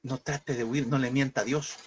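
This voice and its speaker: A man's voice: mid-range voice, fairly even intonation, normal speed, background noise. A man, a pastor preaching a lesson, telling a personal story and fervently calling his listeners brother.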